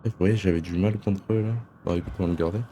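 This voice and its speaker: A man's voice: low voice, steady tone, quick pace, warm tone. A young man giving casual, slangy gameplay commentary, half muttering to himself and his viewers. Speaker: video game streamer. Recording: faint background game noise.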